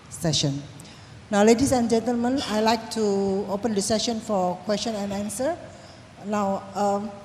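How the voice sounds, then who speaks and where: A woman's voice: mid-range voice, warm tone. A woman moderating a conference session, opening the floor to questions in an orderly way with small hesitations. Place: large conference hall. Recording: reverberant hall, faint room noise.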